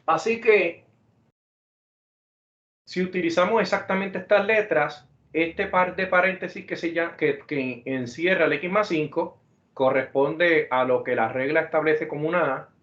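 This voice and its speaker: A man with a fairly high voice gives a virtual math lecture, explaining patiently and repeating examples. He talks in a steady, deliberate way and restates points as he goes. The recording sounds roomy and somewhat muffled. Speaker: math teacher.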